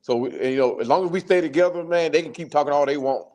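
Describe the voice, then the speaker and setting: A man's voice: fairly high pitch, fast, darkish tone. A man appearing as a guest on a casual sports talk stream over a video call, earnest and rambling, often repeating himself. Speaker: guest content creator.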